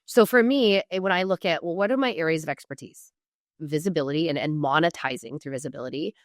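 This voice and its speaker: Low-voiced and quick, an American woman from Oregon talks business advice as a podcast guest in a dry recording with clean studio sound. The exchange is a conversational interview with informal coaching, and she speaks with emphatic asides and self-interruptions.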